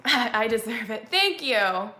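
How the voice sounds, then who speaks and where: A young woman in her twenties chats casually on a home live stream, rambling from one thought to the next with plenty of "like" fillers. Her voice is bright and forward. The room around her sounds echoey. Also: on the high side, very animated, takes it slowly. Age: 20s. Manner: chatty, rambling, filler-heavy with frequent "like". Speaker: vlogger hosting a live chat.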